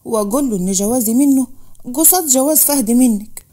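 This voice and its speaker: A woman voicing a steady young woman who firmly comforts her friend. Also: fairly high pitch, fast, close to an everyday voice. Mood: soothing.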